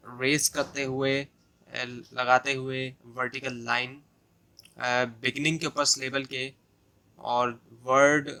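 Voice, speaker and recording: A man's voice: medium pitch, sharp tone. A man with a Pakistani accent giving an exam-prep lecture, explaining step by step and restating his points with many "so" and "uh" fillers. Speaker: tutor.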